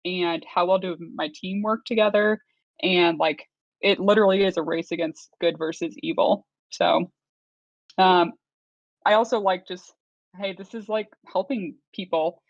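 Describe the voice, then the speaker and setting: A woman speaking in a flat, monotone way as a panelist in a casual panel discussion over a call. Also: fairly low pitch, moderate pace, no echo, muffled recording. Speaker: incident response panelist.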